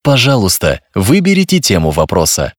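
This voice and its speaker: A man reading a recorded phone menu in a measured, formal announcer manner. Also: on the low side, wildly swooping pitch, no room sound, clean studio sound.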